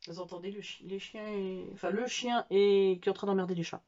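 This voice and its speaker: French woman, casual book vlogger, chatty and halting, mid pitch, slightly muffled home audio. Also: a little mellow. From France. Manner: chatty, hesitant, many fillers and restarts. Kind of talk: casual book haul chat.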